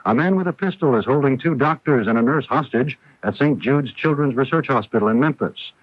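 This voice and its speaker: An American man anchors a scripted radio newscast at a slightly fast clip, his voice medium in pitch and the recording dry. It comes from a dull, lo-fi 1980s radio broadcast.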